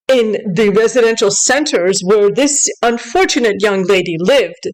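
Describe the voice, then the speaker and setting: A woman with a mid-range voice, recorded with poor audio, comments on the news without a script. She sounds upset and insistent as she corrects things, reading aloud and alternating between English and French as an online commentator.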